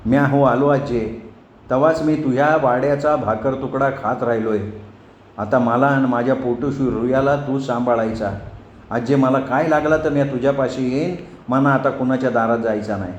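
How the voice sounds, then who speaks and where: A man's voice: medium pitch, steady tone, highs cut off, natural voice. A man doing a humble pleading herder. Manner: pleading, slow, rustic dialect. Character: humble poor male herder, pleading, rustic speech. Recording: echoey room, faint noise.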